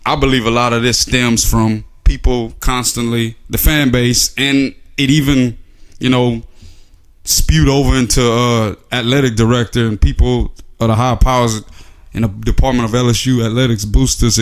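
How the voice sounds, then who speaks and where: A man with a drawl talks straight to his audience in a loose, unscripted rant. His voice sits at an ordinary middle pitch, and he leans on sarcasm and rhetorical questions. He pads his lines with plenty of "uh"s as he thinks aloud. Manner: sarcastic, rhetorical, filler-heavy. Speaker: sports commentary vlogger. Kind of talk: casual opinion monologue.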